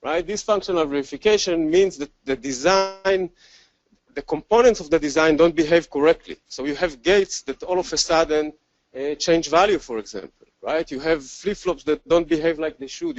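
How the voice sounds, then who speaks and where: A man with an Israeli accent giving a technical conference talk, relaxed and self-deprecating, with many fillers and restarts. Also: on the high side, normal speed, no echo, lo-fi sound. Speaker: conference speaker.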